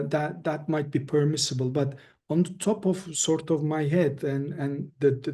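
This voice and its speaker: Heard over a video call, a man with a somewhat high, mellow voice answers questions as an expert guest in a webinar. He explains carefully and hesitantly, frequently restarting his phrases.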